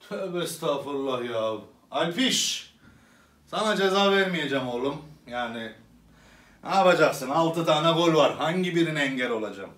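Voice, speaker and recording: A hot-tempered club president rants, swinging from syrupy pleading to furious outbursts, as a man puts him on in a comedy sketch. His voice sits high and carries a roomy echo. He sounds set back from the mic. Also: fairly bright tone, recorded from a distance. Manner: theatrical ranting, swinging from sweet to furious.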